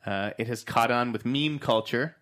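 A man's voice: mid-range voice, moderate pace. A man co-hosting a casual movie review chat, upbeat and steering the topics. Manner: upbeat, leads the topics with a lively, bouncy voice. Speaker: podcast co-host.

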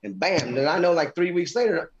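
A man's voice: fairly high pitch, very animated, brisk, dull audio. A man in casual religious conversation, speaking earnestly and emphatically and often repeating his phrases.

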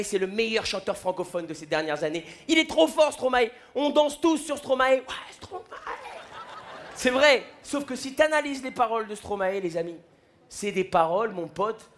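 A man's voice: high-pitched, fairly bright tone, a little hiss or hum. A young man doing a stand-up routine on a festival stage, acting out the people in his stories in quoted voices. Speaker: stand-up comedian. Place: large comedy festival stage. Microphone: stage microphone.

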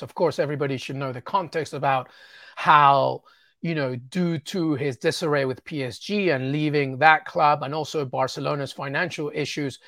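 A man's voice: fairly high pitch, a bit bright, no echo, studio quality. A man, from England, giving enthusiastic soccer analysis as an interview guest, often stammering on repeated words.

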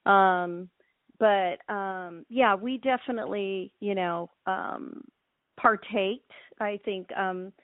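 A woman's voice: medium pitch, takes it slowly, no room sound. Woman winemaker from hawaii, chatty, lots of ums, thin phone-ish sound. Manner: relaxed, many ums and restarts. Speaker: winemaker guest. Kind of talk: casual interview chat. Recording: thin phone-like line, dry.

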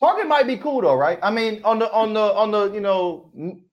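A man's voice: high-pitched, expressive, brisk, dull audio. A man bantering casually as a panelist, slangy and emphatic, often repeating his phrases. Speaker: show panelist.

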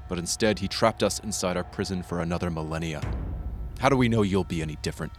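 A blunt, low-voiced cyclops, acted by a man, sounds proud and hard to win over. Faint music runs underneath this mythic storybook scene. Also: quick pace, close to an everyday voice. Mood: skeptical. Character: one-eyed cyclops, bitter, proud former prisoner. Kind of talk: audio drama acting.

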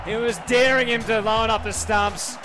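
A man giving live cricket commentary, projecting excited calls of the action. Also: moderate pace. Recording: broadcast highlights with music underneath. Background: music.

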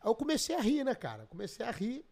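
Brazilian man, podcast guest, high quick voice, lively profane storytelling. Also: gravelly. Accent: Brazilian Portuguese. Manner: animated, swearing, laughing storyteller. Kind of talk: casual storytelling chat.

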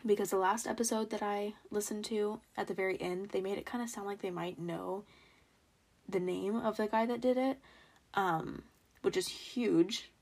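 A young American woman hosts a true crime podcast on her own, telling the story from notes in a casual, self-deprecating way with informal asides. Her voice is medium-pitched, steady and somewhat dark at normal speed, and she has some trouble pronouncing her R sounds.

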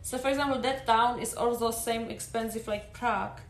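Female guest, somewhat high voice, echoey room, faint noise. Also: fairly even intonation, brisk. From Czech Republic. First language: Czech. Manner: chatty, leans on "like". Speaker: podcast guest. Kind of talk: casual podcast chat.

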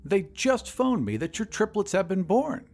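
A man's voice: high-pitched, very animated, moderate pace, vocal fry, a little mellow, faint music behind, voice pushed up, full character voice. A man voicing a genial, pompous, very old doctor who lectures emphatically in an audiobook story. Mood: cheerful. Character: genial, pompous, very old male doctor championing population control.

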